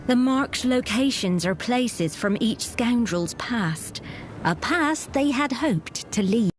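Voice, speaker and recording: A woman's voice: on the high side, animated, slow pace, slight background noise. A woman reading scripted narration for an adventure game as a dramatic storyteller.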